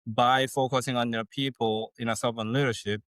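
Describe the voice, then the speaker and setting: A man, a guest on a podcast interview who explains things in a measured way with folksy sayings. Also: medium pitch, steady tone, a bit bright, dry recording. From South Korea. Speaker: guest, leadership consultant.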